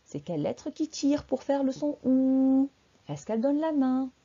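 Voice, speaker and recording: Slow, lively-pitched woman teaching children. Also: highs cut off. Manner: slow, syllable-by-syllable drilling with exaggerated sounds; encouraging, quizzing the class. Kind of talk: dictation lesson for children.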